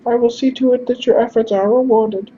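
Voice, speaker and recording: A man voices a game's male messenger, high-pitched, anxious and overly polite, pleading with courtesy in a steady, slightly fast delivery. The recording is dull and lo-fi with a faint hiss.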